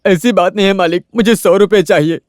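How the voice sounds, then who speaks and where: A man's voice: sits high, brisk, no room sound, studio quality, lightly acted. A man dubbing a broke pleading villager. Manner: pleading, comic, wheedling. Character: broke, naive village man, always begging. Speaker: poor debtor villager. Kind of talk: Hindi film dubbing.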